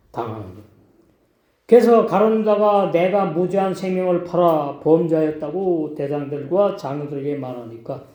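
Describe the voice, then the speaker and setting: High-voiced man preaching in an echoey room. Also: warm tone. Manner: emphatic, repeats "예" and questions to the congregation. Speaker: pastor. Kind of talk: sermon.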